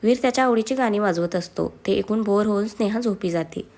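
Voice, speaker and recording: A woman's voice: mid-range voice, a little fast, darkish tone. A woman reading a family story aloud as storyteller, doing every character herself. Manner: reads all characters herself. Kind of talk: story narration.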